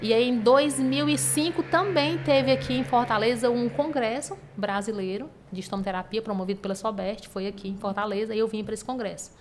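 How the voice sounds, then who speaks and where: A woman nurse, telling her career story in an interview in a calm, smooth, measured way. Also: on the high side, a little hiss or hum. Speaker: stomatherapy nurse guest.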